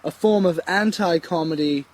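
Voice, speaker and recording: A man's voice: on the high side, moderate pace. A man asking questions as the interviewer in a mock-documentary. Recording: clearly noisy background ambience.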